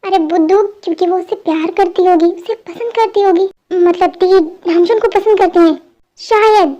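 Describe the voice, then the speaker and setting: A gentle, earnest young man in a fan dub drama, soft and coaxing, as a very high-voiced dubber puts him on. The sound is very high and completely dry, with no room at all. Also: moderate pace, dry recording, dull audio.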